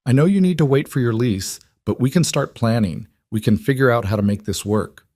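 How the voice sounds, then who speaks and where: A man's voice: medium pitch, fairly quick, a little mellow, no room sound, studio quality, pitched above the performer's own voice, close to an everyday voice. A man voicing a tired but kind working single father, reassuring in tone, in a narrated story.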